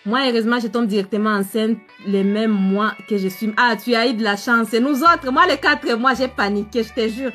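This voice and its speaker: A woman's voice: a little high, normal speed, hardly any pauses, faint music behind. Chatty woman coach telling a story live. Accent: African French. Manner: chatty, animated, addresses viewers directly, many fillers. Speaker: live-stream host and relationship coach. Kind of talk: casual live-stream storytelling, greeting viewers.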